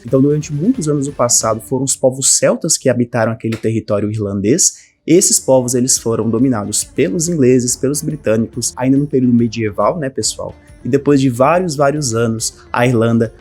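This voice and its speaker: A man with a Brazilian Portuguese accent teaching an online language lesson, talking to viewers directly in a lively way. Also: medium pitch, breathy edge. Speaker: English teacher.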